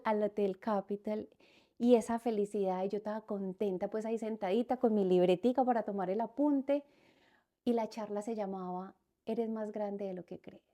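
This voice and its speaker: Mellow-voiced woman telling her story. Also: mid-range voice. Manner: repeats words and phrases as she recounts events; acts out quoted speech within her story. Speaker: podcast guest. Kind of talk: personal storytelling in a podcast conversation.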